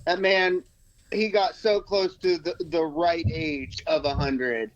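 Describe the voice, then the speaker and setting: Dude on a podcast, short blunt answers, slightly high voice, kinda muffled lo-fi mic. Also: male voice, steady tone, slow pace, slight background noise. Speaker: podcast co-host. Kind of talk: casual chat.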